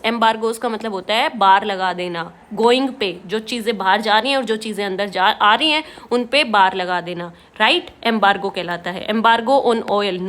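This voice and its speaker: High-voiced Indian woman teaching vocabulary. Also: pushed and bright. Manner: explains in Hindi mixed with English, reads English example sentences slowly. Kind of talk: exam-prep vocabulary lesson.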